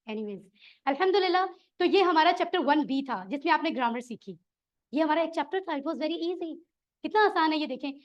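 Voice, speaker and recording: A woman leads a classroom lesson in a very high voice. She keeps encouraging her students and asks them questions. The recording sounds dull and lo-fi. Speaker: Quran Arabic teacher.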